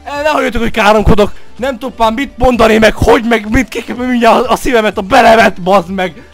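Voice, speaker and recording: High gravelly man shouting in delight. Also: soft background music. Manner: shouting, swearing, overjoyed. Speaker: gaming video creator. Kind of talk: excited pack-opening reaction.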